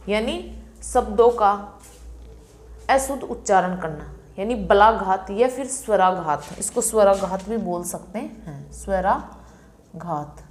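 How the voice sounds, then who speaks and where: Confident woman teaching exam tricks. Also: fairly high pitch. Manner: confident, repeats key terms slowly for memorising. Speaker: Sanskrit teacher. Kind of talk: exam-prep lecture.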